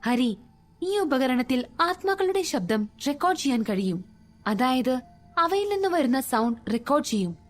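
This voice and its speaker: A woman voicing a calm, middle-aged male ghost investigator who explains things in a measured way, in a storybook reading. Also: high voice. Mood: earnest, explaining.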